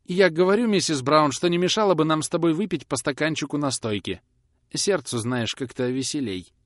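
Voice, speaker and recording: A man's voice: on the high side, brisk, a bit bright, no room sound, studio quality, pitched above the performer's own voice, close to an everyday voice. A man doing a whining, desperate young lad. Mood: evasive. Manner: whining, pleading. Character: nervous young male knife-grinder, desperate and pleading.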